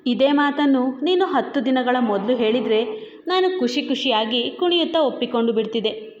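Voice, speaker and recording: A woman's voice: high voice, normal speed. A woman reading aloud a romance story she wrote herself, giving the characters' lines in much her own voice. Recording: dull echoey room recording with faint hiss.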